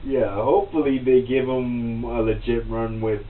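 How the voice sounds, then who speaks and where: A man's voice: mid-range voice, steady tone, unhurried, a crowd in the background. Laid-back male co-host on a tinny recording. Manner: easygoing, agreeable, many fillers. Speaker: podcast co-host. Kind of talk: casual wrestling chat. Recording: roomy, distant, phone-like, faint noise.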